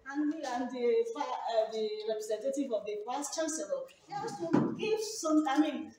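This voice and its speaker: A woman with a Nigerian accent giving earnest, halting remarks at a university workshop. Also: on the high side, darkish tone. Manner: earnest, halting, self-correcting. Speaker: workshop speaker. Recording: echoey hall, distant mic, audience.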